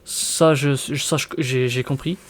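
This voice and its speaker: A man's voice: mid-range voice, fairly even intonation, a little slow, breathy edge. A young man from France with a French accent, chatting casually in a vlog, reading out words and reacting with surprise. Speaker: vlogger.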